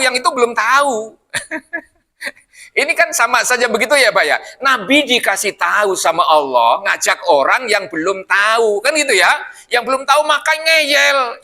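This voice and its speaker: Bright, lively older man preaching. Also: high-pitched. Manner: chatty, jokey, keeps asking the audience questions. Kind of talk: mosque study sermon. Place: mosque.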